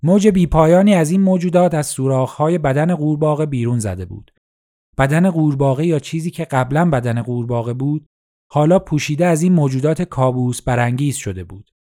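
A man narrating a story in a steady, measured audiobook style. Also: fairly high pitch.

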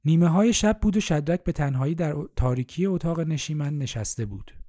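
A male storyteller reads in a calm, measured way. His voice is very dark and mellow. The recording is dry and close, with no room sound. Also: fairly high pitch, no echo. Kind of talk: scripted narration.

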